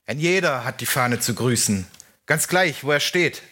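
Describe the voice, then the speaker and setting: A man's voice: medium pitch, lively intonation, normal speed, bright, forceful tone. A man reading an audiobook voices a burly young gang leader who speaks sternly through clenched teeth. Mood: menacing. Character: burly menacing male youth gang leader.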